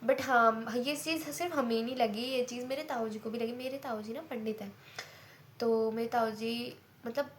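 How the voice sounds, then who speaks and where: A woman's voice: a little high, fairly even intonation, normal speed, slight background noise. A young woman telling a personal story in a casual, chatty way, full of fillers and repeats. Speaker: vlogger.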